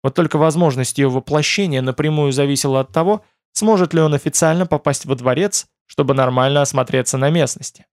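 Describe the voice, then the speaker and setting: A man narrating a fantasy audiobook in an even, steady reading. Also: fairly high pitch, fairly quick, few pauses, dry recording, studio quality. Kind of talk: scripted narration.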